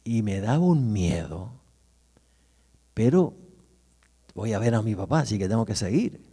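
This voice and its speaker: An Argentine pastor, middle-aged, tells his story vividly in a sermon, his warm, mellow, husky voice sitting on the low side with big pitch swings. He speaks unhurriedly, rising loud and dropping to a hush. The long reverb of a church hall fills the recording.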